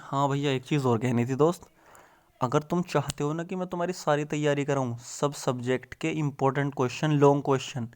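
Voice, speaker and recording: A young man teaching exam tips in a casual, rustic way, calling his viewers brother and friend. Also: mid-range voice.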